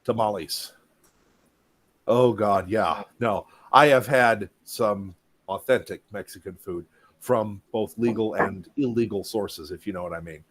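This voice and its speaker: A man with a husky, fairly low voice hosts a loose, casual chat. He tells long, rambling stories and swears freely. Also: unhurried. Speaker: host.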